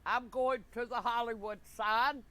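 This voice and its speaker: A man's voice: steady tone, measured pace, pushed and bright, exaggerated voice. A man voicing a foul-mouthed, defiant eighty-year-old grandmother in a comedy skit. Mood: defiant ranting. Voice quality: shrill cursing old-lady falsetto. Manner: profane, defiant, ranting.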